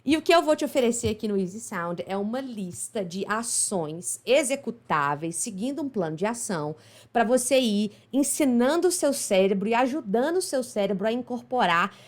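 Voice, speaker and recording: A woman's voice: a little high, expressive, moderate pace. A Brazilian woman with a Minas Gerais accent, explaining pronunciation in a chatty online lesson, often asking "right?". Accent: Minas Gerais Portuguese. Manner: chatty, explanatory, frequent tag questions. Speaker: English pronunciation teacher.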